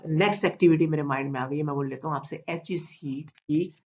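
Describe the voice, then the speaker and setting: A man with a Pakistani Urdu accent giving a recorded online lecture, explaining slowly with repeated terms and many fillers. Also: on the high side, steady tone. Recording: dull lo-fi recording.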